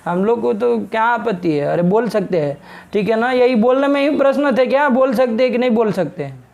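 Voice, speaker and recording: A middle-aged man teaching a Sanskrit grammar class online, brisk and scolding as he presses a student to state his question clearly. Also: very high voice, expressive, a little mellow, highs cut off.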